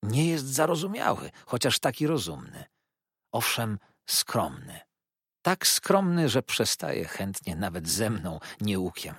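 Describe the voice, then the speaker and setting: A man voicing a gentle, eccentric older gentleman in a storybook reading, speaking slowly and earnestly. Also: fairly low pitch, big pitch swings, husky, dry recording, studio quality, heavily acted. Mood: confiding.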